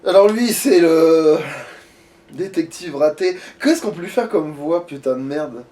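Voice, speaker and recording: Sweary, higher-voiced man playing video games. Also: lively intonation, unhurried, warm tone. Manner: crude, sweary. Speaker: gaming video host, playing. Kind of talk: casual let's-play chat. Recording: faint background noise.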